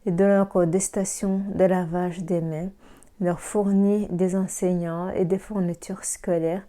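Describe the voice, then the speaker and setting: A woman's voice: on the low side, dark tone. A woman from Rwanda giving a prepared presentation, reading steadily with occasional hesitant fillers. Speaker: pharmacy assistant and network marketer.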